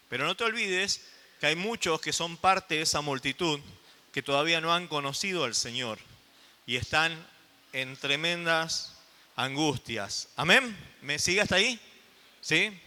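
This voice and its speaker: A man's voice: fairly high pitch, pushed and bright, big-room sound. A man with an Argentine accent preaching a sermon as pastor, asking the congregation rhetorical questions. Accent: Argentine Spanish. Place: church.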